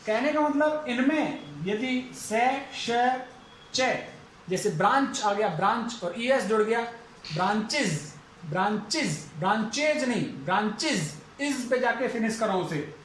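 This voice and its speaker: Slow, repetitive Indian male teacher. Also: very high voice, expressive, fairly bright tone, echoey room, a little hiss or hum, rough recording. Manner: slow, repeats each example several times. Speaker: English teacher. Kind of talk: classroom phonetics lesson.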